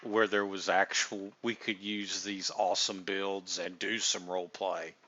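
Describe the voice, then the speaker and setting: Slow-talking Southern man, bright voice. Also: sits low, little pitch movement. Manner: rambling, self-interrupting, laughs at own ideas. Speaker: livestream host. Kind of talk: casual livestream chat. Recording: dull lo-fi stream audio.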